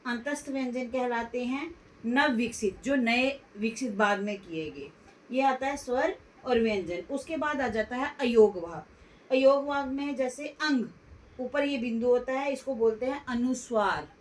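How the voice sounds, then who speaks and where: A woman teaching a grammar lesson, slowly and deliberately sounding out letters one by one. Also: fairly high pitch, recorded from a distance, slight background noise.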